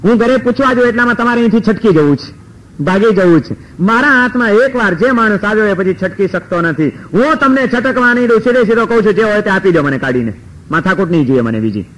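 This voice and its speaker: A male storyteller voicing a scheming young married man who pleads and cries out loudly. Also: high-pitched, lively intonation, quick pace, low-quality recording. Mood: suspicious.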